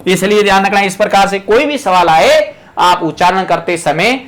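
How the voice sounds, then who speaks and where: A man's voice: high-pitched, moderate pace, a bit bright. A man from Rajasthan teaching an exam prep lesson, repeating rules emphatically and speaking straight to his students. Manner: emphatic, repetitive drilling of rules; addresses students directly, explains step by step.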